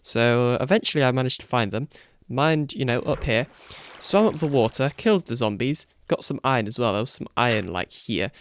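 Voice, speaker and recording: A man's voice: mid-range voice, animated, fairly quick, slight background noise. A young man giving casual gameplay commentary as a video host, rambling and correcting himself, with a groggy morning voice. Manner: rambling, self-correcting, chuckles often. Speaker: gaming YouTuber. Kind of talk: casual Let's Play commentary. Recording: faint background music.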